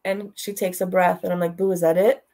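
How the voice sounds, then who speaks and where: A woman's voice: fairly low pitch, flat delivery, fairly quick, dark tone. A middle-aged woman telling a personal story as a guest, in a direct and heartfelt way, repeating her phrases. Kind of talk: emotional storytelling.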